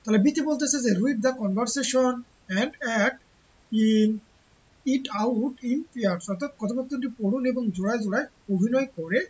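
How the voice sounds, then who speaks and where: A woman's voice: on the high side, a little mellow. Woman tutor explaining a lesson. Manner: reads English lines slowly, then translates each into Bengali; repeats phrases and explains step by step. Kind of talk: recorded textbook lesson. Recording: slightly dull with faint hiss.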